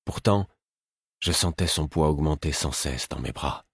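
A man reading a first-person story as an audiobook narrator, in a measured, grave manner. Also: extremely low pitch, slightly rough, dry recording.

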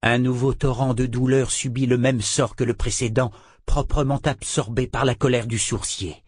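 A man narrating a fantasy audiobook in a measured, dramatic storytelling manner. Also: medium pitch, steady tone, a little mellow, breathy edge, no room sound, clean studio sound.

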